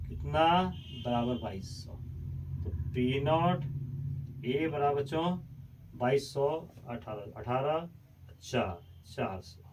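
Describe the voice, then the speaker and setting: A man's voice: medium pitch, a little mellow. A man teaching a chemistry lesson, working through problems step by step, coaxing his students and drifting away from the mic as he writes. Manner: addresses students as children, coaxing and repetitive; moves away from the mic while writing, voice fading in and out. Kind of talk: blackboard lecture solving problems. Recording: voice from a distance, faint room noise.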